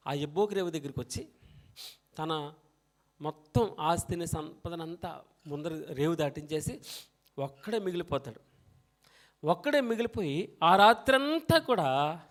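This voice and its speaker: A man with a high-pitched voice preaches a sermon. He drops to quiet, low passages, then rises to loud, emphatic reading of scripture. He calls on the congregation to read each verse aloud with him.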